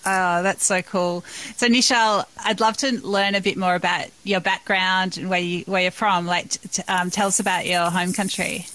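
A woman's voice: on the low side, fairly even intonation, normal speed, hardly any pauses, fairly bright tone, low-quality recording. A woman interviewing a restaurant worker, asking friendly, encouraging questions. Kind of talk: casual interview.

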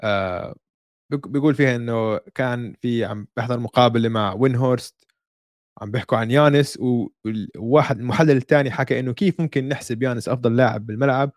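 A man's voice: medium pitch, quick pace, no room sound, studio quality. A man with a Levantine Arabic accent in casual sports talk, speaking emphatically and dropping in English words and slang. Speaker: sports talk show co-host. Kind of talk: casual basketball discussion.

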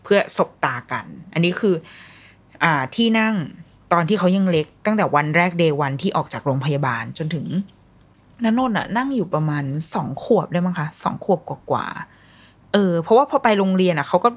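A woman's voice: fairly low pitch, animated, moderate pace. A woman, a mother telling parenting stories in a blunt, casual, colloquial way. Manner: blunt, colloquial, acts out quoted voices. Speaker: mother sharing parenting advice. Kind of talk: casual storytelling chat.

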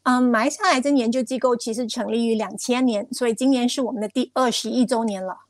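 A woman's voice: on the high side, fairly even intonation, fast talker, dry recording. A woman explaining things as an expert guest in a live interview, using examples and mixing in English terms. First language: not Cantonese; speaks it casually only. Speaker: expert guest, cancer researcher.

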